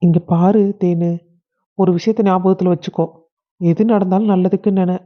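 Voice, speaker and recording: A woman voicing a calm, sensible elder son and husband with a Kongu Tamil accent, reasoning gently with his family. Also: fairly low pitch, normal speed, lightly acted. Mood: soothing. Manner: soothing and reasoning. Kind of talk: family drama acting. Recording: dull lo-fi recording.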